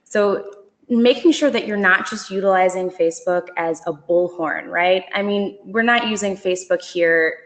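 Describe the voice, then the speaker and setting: A woman's voice: medium pitch, normal speed. Chatty, giggly woman presenting a webinar. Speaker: company presenter.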